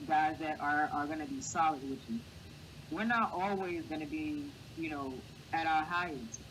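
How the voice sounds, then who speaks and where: A boyish, high-voiced man, light in tone and a bit bright, talks at a moderate pace. He's earnestly encouraging as a guest in a casual interview, captured on a rough recording with clear background noise.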